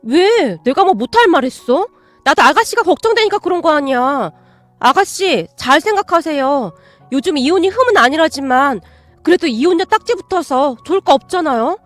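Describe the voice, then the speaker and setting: A tactless, nosy sister-in-law chatters on in a high, needling voice, as a woman puts her on. Her pitch swings widely, turning shrill, with a dry sound and faint music underneath. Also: animated, normal speed, dry recording. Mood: prying.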